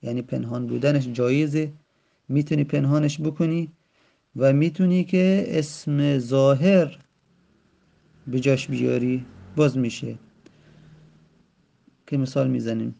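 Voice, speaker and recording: A man's voice: mid-range voice, fairly even intonation, creaky, pauses often, mellow. A man teaching Arabic grammar in a patient lesson, repeating and rephrasing each term, speaking directly to the student. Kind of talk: explanatory lesson. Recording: dull lo-fi recording.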